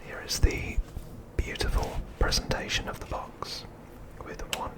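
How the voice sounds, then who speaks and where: In a hushed, leisurely whisper that carries no voice, only breath, an ASMR host improvises commentary while showing items.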